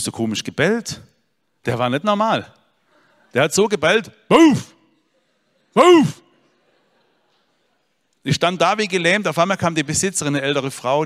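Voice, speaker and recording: A man delivering a personal storytelling sermon, his voice at a middle pitch and carrying a long reverb as if in a large hall. He speaks to his listeners directly, earnest with a streak of dry humor. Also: fairly bright tone. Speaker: speaker giving an inspirational talk.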